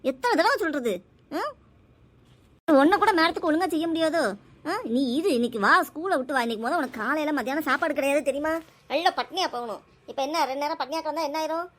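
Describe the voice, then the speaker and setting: A woman, playing a mother in a family skit who nags and scolds her children loudly. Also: high-pitched. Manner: scolding, nagging, loud and rapid.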